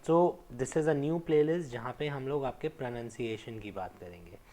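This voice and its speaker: A young man teaching English pronunciation, stressing each word slowly and setting wrong forms against right ones. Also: medium pitch, warm tone. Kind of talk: explanatory lesson mixing Hindi and English.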